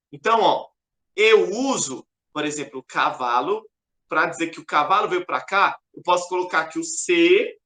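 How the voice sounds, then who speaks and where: Brief: man, chess teacher, crisp bright tone, echoey room, patient and repetitive. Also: on the high side. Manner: patient, repetitive, keeps pointing things out. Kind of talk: explaining a lesson over a board.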